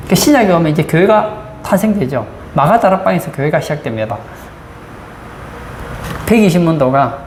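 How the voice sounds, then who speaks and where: In a church sanctuary, a female pastor delivers a sermon full of rhetorical questions to the congregation, her voice lowish and slightly mellow. Faint background noise sits within the roomy church acoustics.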